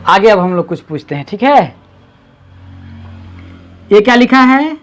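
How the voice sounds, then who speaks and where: A woman tutoring reading one-on-one, patiently repeating syllables slowly and coaxing her student along. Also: mid-range voice, big pitch swings.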